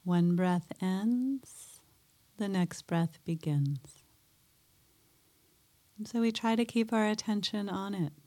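A woman guiding a mindfulness meditation in a soft, gentle way, pausing often between phrases. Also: medium pitch. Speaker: meditation teacher.

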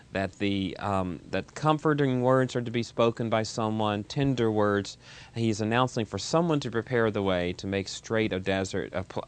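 A man giving a measured, explanatory Bible lecture, reading verses aloud and unpacking them. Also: fairly low pitch.

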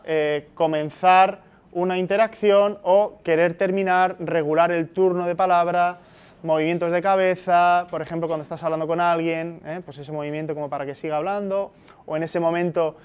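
A man's voice: fairly high pitch, clean tone. A man from Spain giving a university lecture, explaining step by step and checking in with frequent tag questions. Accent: Spanish from Spain.

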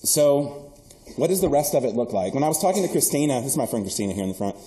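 A man from the US South, an archivist giving an animated, earnest keynote lecture with joking asides in a university hall. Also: medium pitch, fast.

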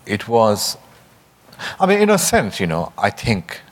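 Man, fairly deep voice, cultured posh Indian English, interviewed writer, articulate, discursive, conversational, rephrases mid-sentence. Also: huge pitch swings, unhurried. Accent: educated Indian English. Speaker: author and journalist being interviewed. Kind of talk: conversational discussion at a book talk.

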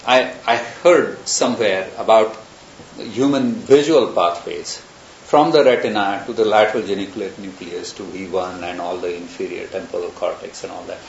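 A man's voice: low-pitched, normal speed, vocal fry. A man giving a university lecture, talking through ideas in a discursive, thinking-aloud way with many examples. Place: lecture room. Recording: roomy, dull lecture recording with hiss.

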